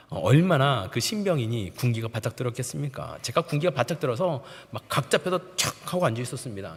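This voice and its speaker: A middle-aged male pastor preaching a sermon, telling a story and acting out quoted voices with sudden shouts and laughter. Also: mid-range voice. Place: church sanctuary. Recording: long reverb of a church sanctuary.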